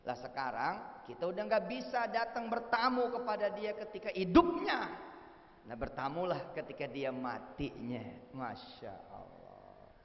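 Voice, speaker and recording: A middle-aged man preaching a lively sermon, telling stories and acting out the dialogue. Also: high voice, moderate pace. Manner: animated storyteller, acts out dialogue. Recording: echoey hall, dull lo-fi sound.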